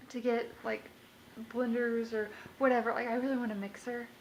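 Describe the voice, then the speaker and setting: A woman's voice: a little high, little pitch movement, normal speed. A young woman talking casually in a rambling vlog monologue from her kitchen at home, full of fillers. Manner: rambling, chatty, many fillers. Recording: noisy home recording.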